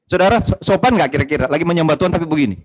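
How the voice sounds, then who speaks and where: A male pastor with a slightly high voice, preaching fervently to his congregation. He alternates between ringing declarations and quiet, chatty asides, keeping the tone warm and conversational between the loud moments. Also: very fast, breathy edge, low-quality recording. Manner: impassioned preaching, swinging between loud exclamations and low asides. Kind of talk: sermon. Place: church service streamed online.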